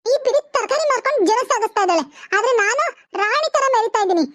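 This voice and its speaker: A woman's voice: very high-pitched, expressive, fast talker, a bit bright, dry recording, clean studio sound. A woman voicing a proud, boastful young woman in a cartoon. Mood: scornful. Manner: boastful, scornful. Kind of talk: cartoon voice acting.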